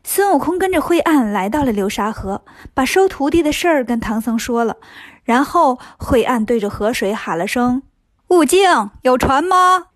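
A woman storyteller narrating a children's story in a lively, chatty way. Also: on the high side, moderate pace, no room sound.

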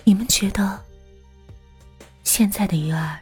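A woman narrating an audio story in a soft, unhurried storytelling manner. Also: medium pitch, breathy edge, faint music behind.

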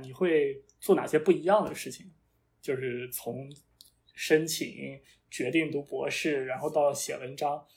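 A man hosts a relaxed podcast conversation, his voice sitting a little above average in pitch. He builds his questions slowly and thoughtfully. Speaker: podcast host. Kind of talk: casual podcast interview.

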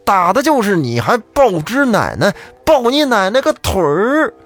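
A man shouting as a rowdy mob of servants. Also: very high-pitched, normal speed, soft background music, pitched above the performer's own voice. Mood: jeering. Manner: shouting, coarse. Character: rough household servants, angry mob.

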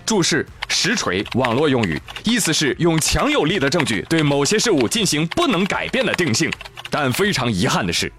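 A man's voice: fairly high pitch, wildly swooping pitch, a little fast. A man giving comic news commentary full of Chinese internet slang, telling stories in an exaggerated, teasing, sarcastic way. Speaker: host of a comic news show. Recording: music playing behind the voice.

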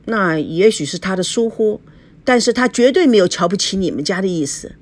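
A woman's voice: medium pitch, animated, brisk. A woman reading as a wronged, defensive young bride. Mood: aggrieved. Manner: aggrieved, defensive.

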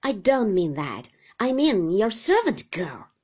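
A formidable older aunt who barks curt orders in a loud, husky voice, as a woman reader puts her on. Her delivery is slow and emphatic, with a lively sweep of pitch. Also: exaggerated voice. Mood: brusque.

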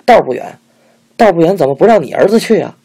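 A man voicing a stern older craft master who shouts indignantly at his wife. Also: mid-range voice, wildly swooping pitch, fairly quick, creaky, husky, full character voice. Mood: furious.

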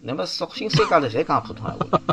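A man's voice: a little high, sing-song, fast talker, bright, forceful tone. A man in his fifties with a Shanghainese accent, a guest in a casual chat who often repeats words as he starts. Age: 50s.

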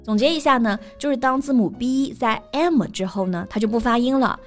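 Woman spelling out English words slowly. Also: on the high side, faint music behind. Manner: spells out words letter by letter, slows down on English examples. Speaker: co-host of an English lesson podcast. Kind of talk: casual bilingual lesson chat.

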